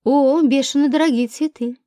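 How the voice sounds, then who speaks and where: A woman's voice: sits high, fairly even intonation, normal speed, dark tone, dry recording, clean studio sound, close to an everyday voice. A woman reading a male police investigator who fires curt, scornful questions in her own voice. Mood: sardonic. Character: sardonic male police investigator, probing and mocking.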